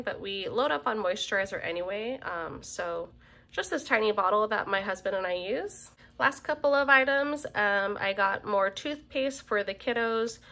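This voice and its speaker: Woman, 30s, home vlogger, bright and even-pitched, casual and friendly, a touch under the weather, recorded on a phone over a kitchen table. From Filipino family. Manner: relaxed, friendly, frequent "um" fillers. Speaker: vlogger showing a grocery haul. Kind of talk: casual chatty haul commentary.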